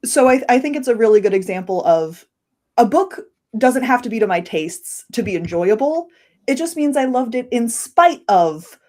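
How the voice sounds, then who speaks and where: Giggly woman guest with lively pitch. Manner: light and giggly, self-deprecating. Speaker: podcast guest. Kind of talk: casual interview chat.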